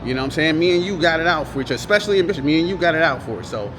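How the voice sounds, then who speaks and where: A man's voice: fairly high pitch, lively intonation, very fast, a crowd in the background. An American man giving a casual vlog-style movie review in a slangy, profane way.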